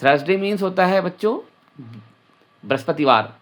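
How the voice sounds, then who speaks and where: A man's voice: sits high, expressive, normal speed. A male teacher giving a children's English lesson, addressing the children directly and spelling each word out letter by letter before repeating it.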